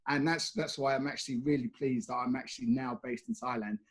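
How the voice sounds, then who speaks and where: A UK brand ambassador fields interview questions in a relaxed, talkative manner, with plenty of "you know"s. His medium-pitched voice is sing-song and brisk, with some vocal fry.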